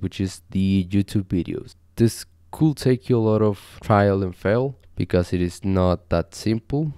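A young man from Costa Rica walks through code in a casual screen-share tutorial, loose and chatty, with lots of fillers. His voice sits very low and smooth, with a mellow, dark tone. The sound is dry and close, from a mic at a home desk. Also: no echo. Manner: relaxed, conversational, with frequent fillers. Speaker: coding tutorial host. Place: small home desk setup indoors.

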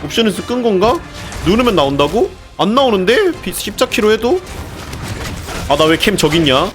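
A man streaming a video game in casual commentary, excitable and often swearing and yelling in frustration. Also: high-pitched, moderate pace. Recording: game music loud behind the voice. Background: game music.

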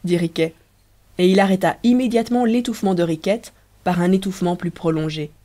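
A woman reads an audiobook with an expressive storytelling lilt. Her voice is dark and mellow, and her delivery stays lively. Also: mid-range voice, quick pace. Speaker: audiobook reader.

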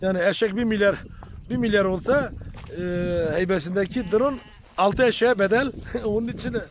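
A man's voice: sits high, normal speed, a little hiss or hum. A man, a shepherd, chatting to viewers in a casual vlog while herding his flock, filmed on a handheld phone outdoors. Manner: chatty, addresses viewers as friends, calls loudly to animals. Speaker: shepherd vlogger. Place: outdoors in open countryside with sheep and goats.

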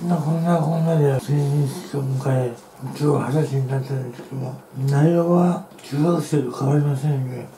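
A man's voice: mid-range voice, steady tone, normal speed, few pauses. A man telling rambling, chatty stories while eating on his vlog, speaking casually at home. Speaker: eating-show vlogger. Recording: roomy room with faint background noise.

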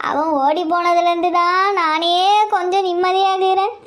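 A man's voice: extremely high pitch, little pitch movement, normal speed, sharp tone, voice pushed up. A man voicing a wailing older village woman who laments melodramatically. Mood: lamenting. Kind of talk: comedy skit acting.

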